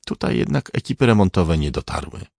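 A man reading a crime novel aloud in a measured, even way. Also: low-pitched, gravelly, husky, no echo, clean studio sound. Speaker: audiobook narrator. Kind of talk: scripted narration.

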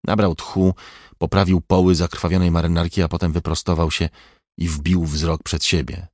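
A man reading an audiobook in a measured, even scripted narration. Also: deep voice, no echo, clean studio sound.

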